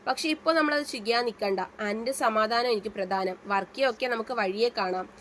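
Woman doing a caring young guy, firm but tender, storybook, highish. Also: brisk, a bit bright, slight background noise, natural voice. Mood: reassuring. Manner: firm yet tender, reassuring. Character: young man, protective caring husband.

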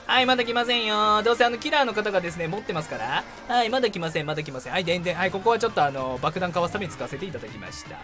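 Young man, gaming host, fast-talking, lively swooping pitch, jokey play-by-play, background music. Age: young adult. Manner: animated, jokey, bursts of cheering and impressions. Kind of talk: excited gameplay commentary.

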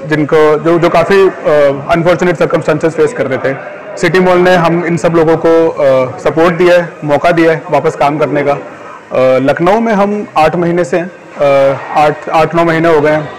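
A man's voice: a little high, normal speed, low-quality recording. A young man giving an on-camera interview at an indoor event, explaining his company with many hesitant ums and English business words. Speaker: company representative. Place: indoor event hall in front of banner backdrop.

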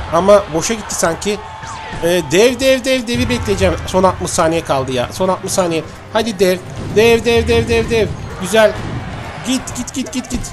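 Excitable high-voiced man over game music. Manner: excitable, cheers his units on and gets frustrated. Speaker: gameplay commentator. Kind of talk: excited gameplay commentary.

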